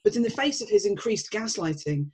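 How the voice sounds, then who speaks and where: A woman's voice: mid-range voice, animated, brisk, darkish tone, breathy edge, poor audio. A woman presenting a scripted analysis in an analytical manner.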